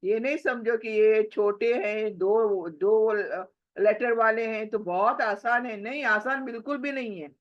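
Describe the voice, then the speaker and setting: A woman teaching tajweed, repeating each word slowly and mixing English words into her Hindi. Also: a little high, fairly even intonation, highs cut off. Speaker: Quran recitation teacher. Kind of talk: slow tajweed pronunciation lesson.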